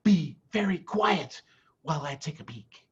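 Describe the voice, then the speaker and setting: A man voicing a proud, excitable father fox from a storybook, theatrical and emphatic. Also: a little high, unhurried. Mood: cautious. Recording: dull, muffled lo-fi audio.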